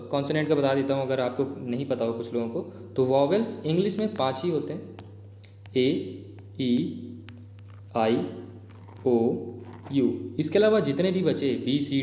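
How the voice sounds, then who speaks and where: A man with an Indian accent teaching a grammar lesson in a chatty way, often checking in with his viewers and reading example sentences slowly. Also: mid-range voice, mellow. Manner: addresses viewers as "bhai", frequent "theek hai?" check-ins; reads English example sentences slowly and deliberately. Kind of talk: explanatory exam-prep lesson. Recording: echoey room with long reverb.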